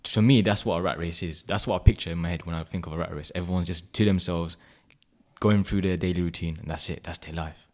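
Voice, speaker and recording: Late-twenties London guy, very deep voice, relaxed slangy co-host. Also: fast talker. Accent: London English. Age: 20s. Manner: slangy, laid-back, questioning. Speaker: podcast co-host. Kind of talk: casual chat.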